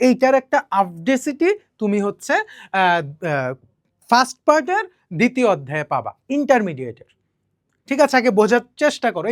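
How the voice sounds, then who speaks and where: Slow, repetitive woman chemistry teacher. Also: fairly high pitch, no echo, studio quality. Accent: Bangladeshi Bengali. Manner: repetitive, checks in with students often; speaks slowly and deliberately. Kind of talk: online exam-prep lesson.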